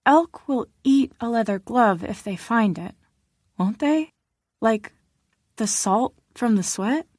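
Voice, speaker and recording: An earnest young woman speaks in eager, halting bursts, as a woman narrator gives her a voice. Her voice sits a little higher than the reader's own, slow-paced, and close and dry in the recording. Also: animated, a little mellow, no echo. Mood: unsure.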